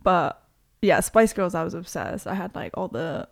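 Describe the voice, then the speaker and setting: A woman's voice: fairly low pitch, expressive, moderate pace, creaky. A young woman, a DJ raised in Toronto, chatting casually in an interview, filling her talk with "like" and laughing easily. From South Korea, raised in Toronto. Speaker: DJ and promoter, guest.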